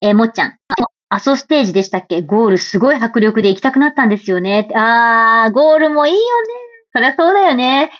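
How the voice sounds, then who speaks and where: A woman's voice: fairly high pitch, fast, hardly any pauses, highs cut off. A woman hosting a livestream, chatting casually and playfully while reading out viewer comments. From Japan. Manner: chatty and playful, laughs often, reads comments aloud. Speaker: livestream host.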